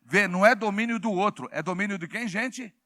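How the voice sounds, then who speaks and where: A man's voice: sits high, brisk, no room sound, clean studio sound. A pastor in his sixties preaching a sermon, calling on the congregation to repeat his words aloud. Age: 60s. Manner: call-and-response preaching, shouting prompts to the congregation. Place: church hall.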